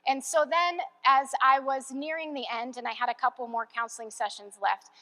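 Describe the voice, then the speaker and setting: Chatty young woman, bright voice. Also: high-pitched, steady tone, normal speed, long reverb tail. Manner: chatty, many fillers like "like" and "um". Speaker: church member sharing testimony. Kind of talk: personal testimony.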